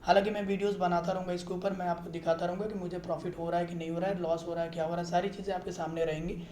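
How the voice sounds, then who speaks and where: A man's voice: high-pitched, level tone, very fast, a little mellow, reverberant, slight background noise. A man hosting a casual explainer video, talking the viewer through an app and often checking that they follow. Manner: chatty, keeps checking in with the viewer. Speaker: channel host explaining a trading app. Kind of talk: casual screen-recorded explainer.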